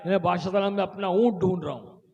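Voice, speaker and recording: A man's voice: sits high, quick pace, creaky, dark tone, muffled recording. A man doing a cheeky camel herder. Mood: bold. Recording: echoey hall reverb.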